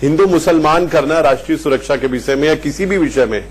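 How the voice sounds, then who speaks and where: A man's voice: on the high side, quick pace, husky. A man arguing as a party spokesperson in a heated television debate, speaking over his opponents.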